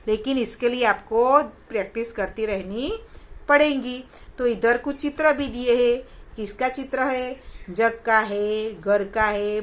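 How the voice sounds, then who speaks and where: A woman's voice: fairly high pitch, fairly bright tone. A woman primary school teacher, sounding out Hindi letters syllable by syllable for young children and quizzing the class, mixing English words into her Hindi.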